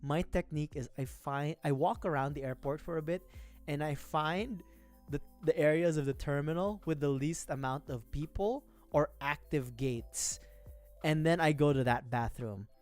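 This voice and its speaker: With faint music playing behind him, a young man from the Philippines streams as a vtuber, chatting and rambling at a moderate pace while he puts together a model kit. He laughs frequently, and his voice is a little high.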